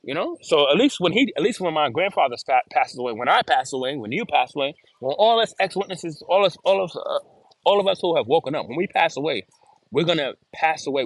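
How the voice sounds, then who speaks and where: Earnest man repeating himself, slightly high. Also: animated, brisk, no echo. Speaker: interview guest. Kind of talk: casual video-call chat.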